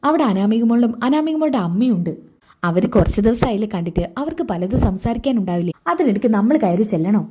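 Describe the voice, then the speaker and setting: A woman's voice: fairly high pitch, animated, fairly quick, warm tone, slightly rough. A woman voicing an anxious, bewildered middle-aged mother who frets and scolds. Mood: fussing. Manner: fretful, scolding, then tearful.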